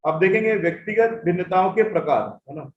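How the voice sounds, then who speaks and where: A man's voice: sits high, a little fast, darkish tone. A man teaching an online class, who repeats key points and keeps checking whether his students follow. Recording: echoey room, dull audio, faint noise.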